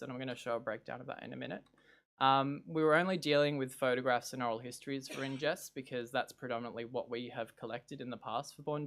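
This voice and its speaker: A man presenting an informal lightning talk, explaining things in a halting way with small self-corrections. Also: mid-range voice, fairly bright tone. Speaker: presenter, digital preservation specialist.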